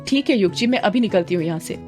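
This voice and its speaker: A shy, lovestruck young woman in an audio storybook who hesitates and stammers, as a woman narrator puts her on. Her voice stays at a mid pitch for a woman, over faint plucked guitar music. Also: animated, quick pace, darkish tone, close to an everyday voice. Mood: eager.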